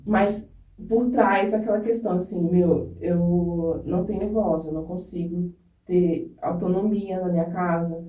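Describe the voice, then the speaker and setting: A woman's voice: fairly low pitch, fairly even intonation, a little slow, dark tone, recorded from a distance. A woman guest on a podcast telling her own story in an earnest, candid way, often restarting her sentences. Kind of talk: personal storytelling in a podcast interview. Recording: echoey room, voice off-mic.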